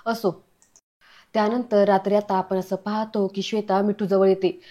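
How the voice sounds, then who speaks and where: A woman's voice: mid-range voice, level tone, normal speed, dark tone. A woman retelling a TV serial episode, reading the characters' lines in her own voice. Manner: reads characters' lines with little change of voice. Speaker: serial recap narrator. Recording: dull lo-fi recording.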